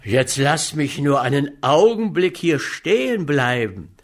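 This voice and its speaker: A man's voice: a little high, very animated, takes it slowly, exaggerated voice. Overwrought storybook friend, gloomy and lamenting, voiced by the male reader. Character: young man, gloomy, poor and dramatic. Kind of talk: audiobook character voice.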